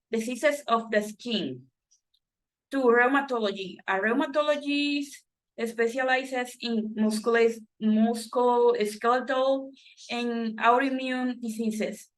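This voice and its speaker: Slow, halting woman reading a textbook. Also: a little high, low-quality recording. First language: Spanish. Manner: halting, self-correcting reading with restarts. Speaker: student reading textbook exercises.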